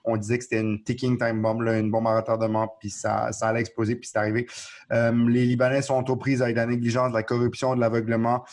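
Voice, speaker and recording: A man with a Quebec French accent talks through current events at a quick clip, earnest and explanatory, often stumbling and restarting. His pitch stays mostly level and even. It comes across as casual podcast talk. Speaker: podcast co-host. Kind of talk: casual current-affairs discussion.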